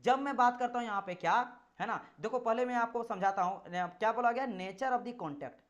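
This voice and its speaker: A man's voice: very high-pitched, normal speed, muffled recording. Male teacher explaining with repeated questions. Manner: repetitive, checks understanding with rhetorical questions; mixes English technical terms into explanations. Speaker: engineering exam teacher. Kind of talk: classroom lecture.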